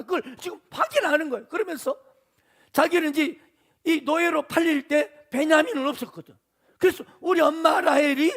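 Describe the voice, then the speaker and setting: A man's voice: very high voice, a bit bright. A man preaching a sermon to a congregation, asking them questions and voicing the Bible figures in the story. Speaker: pastor.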